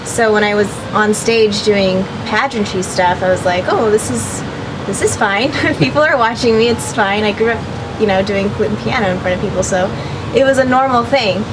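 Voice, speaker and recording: A woman's voice: medium pitch, moderate pace. Chatty young woman, noisy room. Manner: chatty, laughs often, many fillers. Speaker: actress interviewee. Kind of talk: casual interview.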